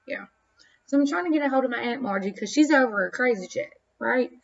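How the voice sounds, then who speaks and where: A woman's voice: fairly high pitch, a little fast, vocal fry, highs cut off. A woman telling a rambling, profane family story to camera in a casual vlog, a little self-conscious. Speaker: vlogger.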